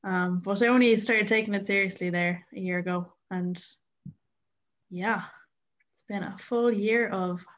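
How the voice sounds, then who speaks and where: A woman's voice: medium pitch, fairly even intonation, a little slow. Young Irish woman, slightly dull recording. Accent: Irish, County Clare. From County Clare, Ireland. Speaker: podcast guest. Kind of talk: casual interview chat.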